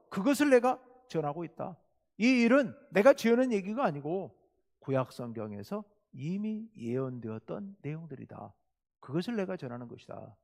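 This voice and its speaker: A male pastor preaching a Wednesday sermon, animated and acting out quoted lines with sudden loud bursts. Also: on the high side, vocal fry. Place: church sanctuary. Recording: church hall reverb.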